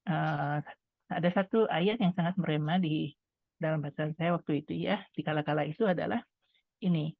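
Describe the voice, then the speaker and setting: Middle-aged woman, low voice, chatty testimony talk, heard over a tinny video call line. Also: normal speed, vocal fry, no echo. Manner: chatty and conversational, addresses listeners as friends. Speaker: speaker sharing a testimony. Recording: tinny phone-like line, dry sound.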